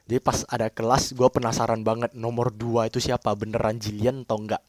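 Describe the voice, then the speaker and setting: A man's voice: mid-range voice, flat delivery, fairly quick, no echo. Young male storyteller, casual and rambling, dry close sound. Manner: rambling, repeats himself.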